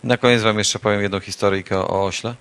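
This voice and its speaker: A man preaching a sermon to a congregation in a church, telling a parable in a repetitive, playful way and rising into shouted refrains. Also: on the low side, fairly even intonation, quick pace, clean tone.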